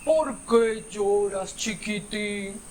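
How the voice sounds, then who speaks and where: A woman voicing a big, kindly bear who speaks slowly and soothingly. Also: a little mellow, slight background noise, poor audio. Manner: slow, low and soothing.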